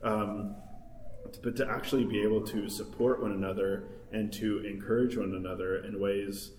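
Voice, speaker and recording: A man's voice: lowish voice, fairly even intonation, moderate pace, darkish tone. A man in his thirties talking casually in a group discussion, rambling with many fillers and laughs. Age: 30s. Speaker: study group member. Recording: roomy, distant mic, faint noise.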